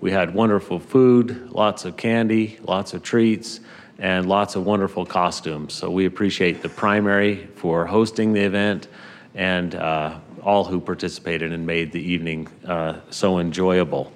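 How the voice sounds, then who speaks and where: Gravelly, low-voiced American bishop. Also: male voice, steady tone. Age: middle-aged. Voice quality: gravelly, hoarse voice. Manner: measured, formal, courteous. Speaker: bishop conducting a church service. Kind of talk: church announcements from the pulpit. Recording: long hall reverb.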